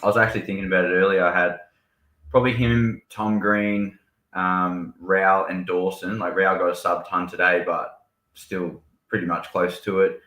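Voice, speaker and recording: A man's voice: sits low, little pitch movement, normal speed, pushed and bright. An Australian man, a regular on the show, chatting in a laid-back, blunt way and swearing freely. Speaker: regular panelist. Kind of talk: casual chat. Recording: roomy echo.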